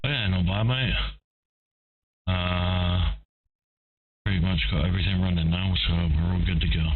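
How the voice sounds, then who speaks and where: A man's voice: sits low, steady tone, unhurried. Jokey man over radio. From England. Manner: jokey, chatty, rambling. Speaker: ham radio operator. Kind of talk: casual radio chat. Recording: narrow radio-band audio, faint hiss.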